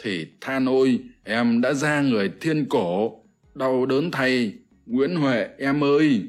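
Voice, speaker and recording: A man's voice: medium pitch, slow pace, soft background music, natural voice. A man voicing an elderly king who mourns his younger brother in a wailing lament, in an audiobook. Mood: grieving. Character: grieving elder king, old man, emotional.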